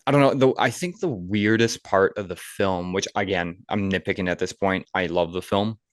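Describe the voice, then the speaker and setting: A man's voice: sits low, moderate pace, no room sound, clean studio sound. A man co-hosting a casual movie podcast, rambling and enthusiastic with lots of fillers. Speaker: podcast co-host. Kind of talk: casual movie review chat. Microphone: podcast microphone.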